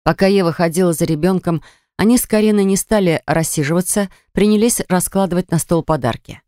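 A narrator reading a story aloud in an ironic, lively storytelling manner. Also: mid-range voice, brisk, dry recording, studio quality. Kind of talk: audiobook narration.

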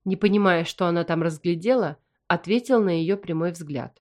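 A woman narrating a fantasy novel in first person with an even, measured reading. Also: fairly low pitch. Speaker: audiobook narrator.

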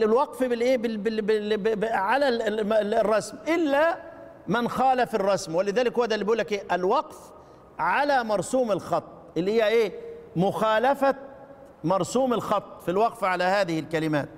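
Egyptian male teacher, high voice, questions the class, chants verse slowly, reverberant room. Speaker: Quran recitation teacher. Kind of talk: spoken lesson explaining a recitation poem.

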